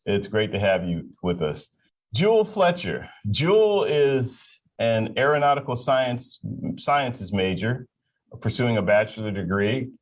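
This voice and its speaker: A man's voice: medium pitch, very animated, measured pace. A man hosting a live aviation talk show, introducing guests in a friendly, joking way. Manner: friendly, jokey, stumbling over names. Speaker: host.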